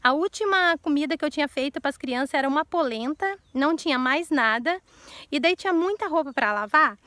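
A woman's voice: sits high, animated, brisk, sharp tone, no echo. A woman, in her thirties, telling an earnest personal faith testimony straight to her listeners and repeating words for emphasis.

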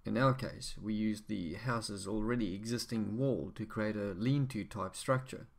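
A man narrating a home boatbuilding project as an instructional voice-over, explaining steps in a measured, practical way. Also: lowish voice, gravelly. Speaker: amateur boatbuilder.

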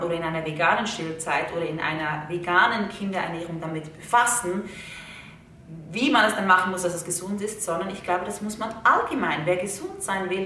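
A young woman with a bright, forward voice explains things casually to her viewers, talking in a chatty, earnest way. She sounds a little low for a woman and sits some distance from the mic in a very echoey living room. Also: slight background noise. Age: young adult. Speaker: video host. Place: living room indoors, seated in an armchair.

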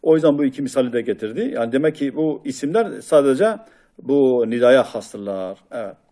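Man teaching Arabic grammar, mellow. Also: mid-range voice, expressive, fairly quick. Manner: reads Arabic passages then explains them in Turkish, with frequent hesitation sounds. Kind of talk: lecture explaining a classical text.

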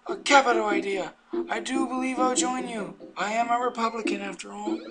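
A man voicing a fussy elderly male steward from a video game, who talks slowly and formally with a quaver. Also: very high-pitched, fairly even intonation, over a noisy crowd, voice pushed up. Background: game music.

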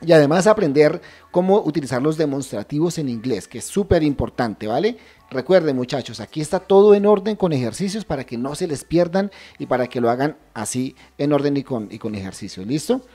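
A woman teaching English over a shared screen, checking in often with her viewers and saying English phrases slowly and deliberately. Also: sits low, expressive, warm tone, breathy edge, faint music behind. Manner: addresses viewers as a group, checks understanding often. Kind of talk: screen-share language lesson.

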